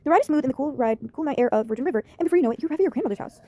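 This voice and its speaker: A woman's voice: sits high, expressive, racing, warm tone, no room sound. A woman reading an interactive story game aloud with giggly, chatty asides.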